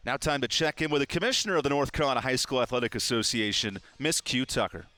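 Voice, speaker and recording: A man's voice: mid-range voice, quick pace, pushed and bright, dry recording. An American man giving live football commentary as a play-by-play announcer. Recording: clear outdoor stadium noise. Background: outdoor stadium ambience.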